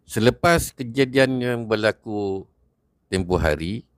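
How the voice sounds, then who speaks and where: Relaxed male storyteller. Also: on the low side, measured pace, heavy background noise. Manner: relaxed, rambling, many fillers. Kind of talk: casual spoken storytelling.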